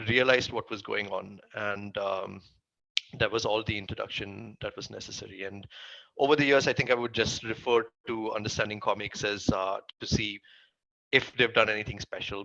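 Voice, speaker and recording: Low, creaky man with Tamil accent. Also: sharp tone, dry recording, lo-fi sound. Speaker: interview guest, comic writer. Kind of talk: casual interview answers, recounting career.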